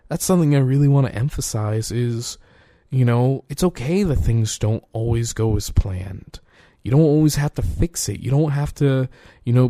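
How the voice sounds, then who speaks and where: A man's voice: mid-range voice, a little mellow, dry recording. Young guy podcasting, rambly and earnest, cusses a lot, dry close sound. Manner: rambling, earnest, swears casually, frequent fillers. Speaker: podcast host. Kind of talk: casual heartfelt monologue.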